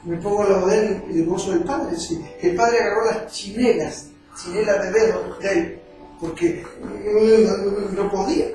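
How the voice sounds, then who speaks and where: High-voiced preacher in an echoey hall. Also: male voice, fairly even intonation, normal speed, mellow. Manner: emotional storytelling preacher, acting out quoted voices. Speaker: evangelist. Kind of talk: sermon with personal testimony. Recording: echoey far-off mic with faint music.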